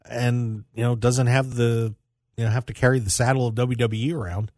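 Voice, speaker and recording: A radio host chats casually about sports news, rambling and repeating phrases for emphasis. His mid-range, darkish voice has fairly even intonation and a moderate pace, recorded in studio quality with no room sound.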